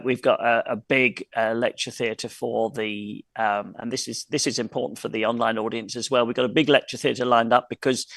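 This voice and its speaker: A man hosting an online quiz wrap-up over a video call, talking in halting bursts with many fillers and restarts. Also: mid-range voice, gravelly, dry recording. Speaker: quiz host.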